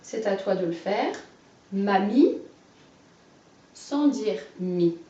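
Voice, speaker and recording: A woman teaches a young child phonics, stressing each syllable slowly and clearly and cheering the child on. Her voice sounds far from the mic in a roomy space. The recording is dull and muffled. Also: medium pitch, expressive, mellow. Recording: roomy, distant, muffled home video.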